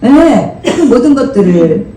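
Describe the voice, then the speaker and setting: A male senior pastor preaching a church sermon in an animated, conversational way, drawing replies from the congregation. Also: very high-pitched, takes it slowly. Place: church sanctuary. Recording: roomy sound from some distance with faint ambience.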